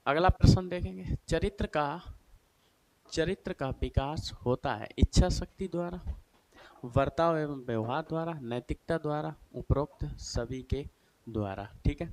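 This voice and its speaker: This male teacher has a slightly high, darkish voice and takes his time. He gives a chatty exam-prep lesson, posing questions and answering them himself while repeatedly checking in with his students. He often says "theek hai" and "bhai sahab."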